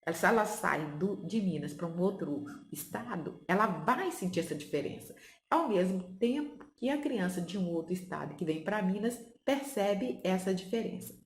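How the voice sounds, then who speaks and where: A woman's voice: medium pitch, lively intonation, normal speed. Woman teacher explaining in an echoey room. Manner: explanatory, asks and answers own questions. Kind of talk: teaching lesson on literacy. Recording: echoey room with faint background noise.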